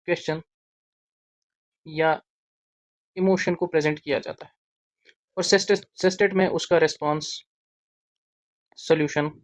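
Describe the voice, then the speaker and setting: A teacher explaining a literature topic in a deliberate lesson, spelling out key terms word by word. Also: mid-range voice.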